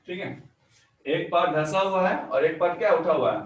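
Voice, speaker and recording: Male teacher, fairly high voice, roomy echo, set back from the mic. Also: fairly quick. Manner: repeats "ठीक है", asks students questions. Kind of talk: online class lesson. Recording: echoey room, far from mic.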